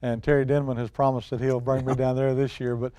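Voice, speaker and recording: A man's voice: medium pitch, level tone, fast, mellow, smooth, no echo. A middle-aged or older man, talking casually and telling hunting stories in a folksy, plain-spoken way. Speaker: guest expert and outdoors show personality. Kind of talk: casual hunting talk and storytelling.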